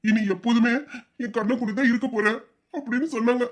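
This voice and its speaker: A man voicing a loving, protective young elder brother in an audio story, speaking softly and from the heart. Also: very high-pitched, steady tone, fast talker. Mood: tender. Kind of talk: emotional audio-drama acting.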